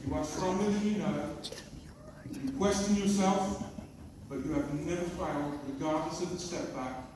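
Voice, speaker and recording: Captured from a distance in a very echoey, noisy reception hall, a middle-aged man speaks as father of the bride. His prepared speech and toast come in short phrases, in a slightly high voice at normal speed.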